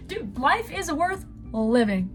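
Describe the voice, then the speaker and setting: A woman in her early twenties reacts on camera with gushing, rambling fan excitement, breaking into giggles. Her voice sits fairly high. Faint music plays behind her. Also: takes it slowly. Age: 20s. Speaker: YouTube reactor.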